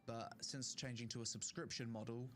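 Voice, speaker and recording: Faint music plays behind a young gaming streamer whose mid-range voice is steady, fairly bright and at normal speed. He gives casual, opinionated tier rankings of online games with fillers, throat strained from talking.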